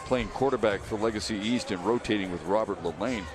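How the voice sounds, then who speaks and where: A man announcing a live football game play-by-play, measured between plays and rising to excited calls on the big ones. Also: on the low side, over music.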